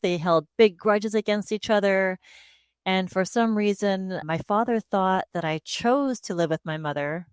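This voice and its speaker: A woman's voice: fairly low pitch, clean tone, no room sound. A woman from Hawaii being interviewed about her life, telling her story openly and steadily on a headset microphone. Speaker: guest, speech-language pathologist. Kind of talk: casual interview answers. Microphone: headset mic.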